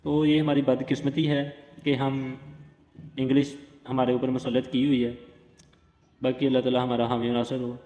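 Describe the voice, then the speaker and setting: A man's voice: medium pitch, little pitch movement, pauses often, muffled recording. A man walks students through an exam prep lesson. He is reassuring and explains each point step by step, often repeating himself. His voice sounds roomy, with a lingering echo from the space around him. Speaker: teacher.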